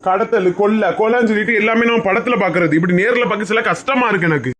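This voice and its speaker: A woman acting out a stern male village headman in a comedy skit, presiding over a dispute. He puts questions in a measured way and speaks fast, at a mid pitch. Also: a bit bright, lightly acted. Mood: lecturing.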